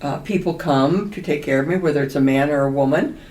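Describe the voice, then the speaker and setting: A woman's voice: deep voice, fast, a little mellow. Older woman, casual interviewer, echoey room, somewhat distant from the mic. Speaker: podcast co-host, senior community resident. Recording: roomy echo, distant from mic.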